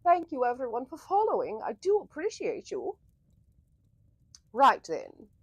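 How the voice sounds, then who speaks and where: Female livestream storyteller, breathy and theatrical, unhurried, flowery old-world diction, very close dry sound. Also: on the high side, huge pitch swings, no echo, lo-fi sound. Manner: theatrical, old-fashioned flowery speech with drawn-out phrases.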